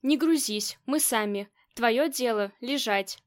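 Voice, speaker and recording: A woman reading the lines of a gruff, protective male bodyguard in an audiobook, blunt and scolding. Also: a little high, slow. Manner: blunt and scolding, then softly pleading.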